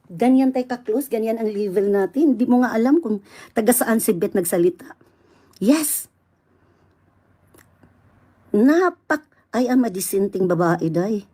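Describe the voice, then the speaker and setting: Isang babaeng Bisaya na may punto ng Visayas, malakas at galit na nagra-rant sa livestream habang nagbebenta online, halo-halong Ingles ang salita. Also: female voice, on the high side, unhurried, pauses often. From Visayas, Philippines. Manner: loud indignant ranting, mixing English in.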